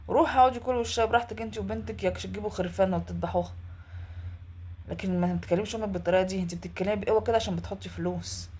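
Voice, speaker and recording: A woman's voice: mid-range voice, fairly even intonation, rapid-fire, darkish tone, a little hiss or hum. A woman with an Egyptian Arabic accent who retells a viewer's story and then bluntly scolds her, in a casual advice-vlog monologue.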